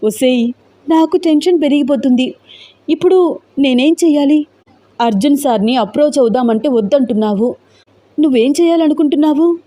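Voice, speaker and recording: A woman's voice: fairly high pitch, moderate pace, pauses often, mellow, voice pushed up, close to an everyday voice. A woman voicing a young woman, an anxious friend who keeps pressing with worried questions in a storybook tale.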